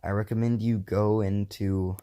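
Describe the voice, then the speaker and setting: A man's voice: on the low side, little pitch movement, normal speed, dark tone. A young man hosting a casual solo podcast, rambling and correcting himself with lots of fillers. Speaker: podcast host.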